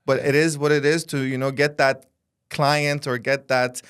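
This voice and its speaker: Confident male host from Dubai, quick questions, smooth clear tone. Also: medium pitch, level tone, a bit bright. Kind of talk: casual interview chat.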